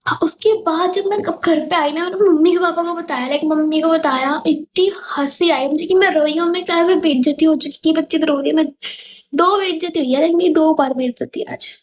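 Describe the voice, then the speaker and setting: A woman's voice: very high voice, brisk, dull audio. A teenage girl from India tells a storytime vlog in a chatty way, often checking in with her viewers. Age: teens. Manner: chatty, keeps asking "ठीक है?". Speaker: vlogger. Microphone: clip-on mic.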